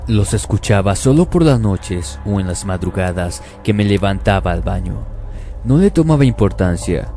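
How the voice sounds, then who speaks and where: Dark, low-voiced male horror narrator. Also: expressive, moderate pace, soft background music. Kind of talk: scripted first-person horror narration.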